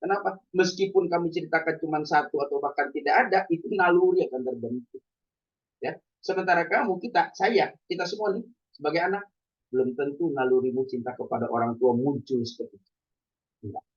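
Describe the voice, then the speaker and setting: A man's voice: fairly high pitch, brisk. A man preaching a conversational sermon, telling everyday stories and asking the listeners rhetorical questions. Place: mosque hall. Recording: distant dull lo-fi.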